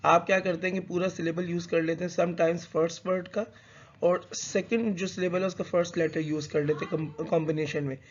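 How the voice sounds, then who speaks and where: Man, lecture-style teacher, pitch a touch high, dull lo-fi recording, stops to correct himself. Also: little pitch movement. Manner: reads English slowly, then explains in conversational Hindi mixed with English; hesitant, with fillers and self-corrections. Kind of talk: explanatory lecture.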